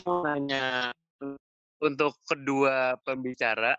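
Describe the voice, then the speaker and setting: A man's voice: mid-range voice, steady tone, slow, sharp tone, smooth, dry recording, lo-fi sound. Man on breaking-up video-call audio. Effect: choppy video-call audio, voice breaking up. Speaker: webinar participant asking a question.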